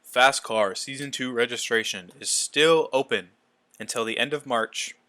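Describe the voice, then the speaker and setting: Bright-voiced young man rambling casually. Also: medium pitch, unhurried. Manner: rambling, loose, full of fillers. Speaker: podcast host. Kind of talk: casual chat about racing.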